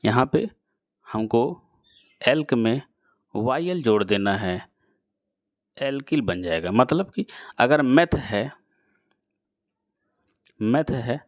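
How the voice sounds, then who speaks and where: A male teacher explains chemistry slowly and patiently, often repeating his words for students. His voice sits at a middle pitch. The sound is dry and close, with little room echo. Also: animated. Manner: slow, repetitive teacher's explanation, addresses students directly. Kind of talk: classroom lecture.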